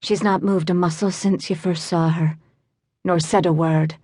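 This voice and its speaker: A woman voicing a sharp female raven with a sing-song Welsh accent in an audiobook. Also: on the low side, steady tone, moderate pace, dry recording, clean studio sound, natural voice. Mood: warning. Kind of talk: audiobook narration.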